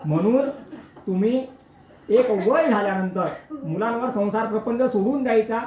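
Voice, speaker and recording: A man's voice: high-pitched, moderate pace, darkish tone, a little hiss or hum. A man giving a devotional sermon, telling stories, speaking straight to his listeners and breaking into chanted verses. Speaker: kirtan preacher. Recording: echoey, dull lo-fi recording.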